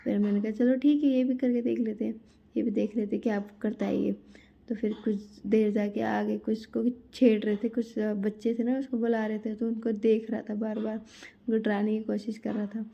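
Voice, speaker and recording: Woman vlogger, thirties, flat-toned and gravelly, casual storytelling. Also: fairly high pitch, normal speed, highs cut off. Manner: chatty storytelling, addresses viewers as guys. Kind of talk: casual vlog narration.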